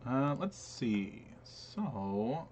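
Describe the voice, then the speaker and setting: Slow, halting man running a tabletop game. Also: mid-range voice, sing-song, a little mellow, a little hiss or hum. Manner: halting, many fillers. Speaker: game master. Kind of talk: casual tabletop game narration. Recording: dull lo-fi stream audio.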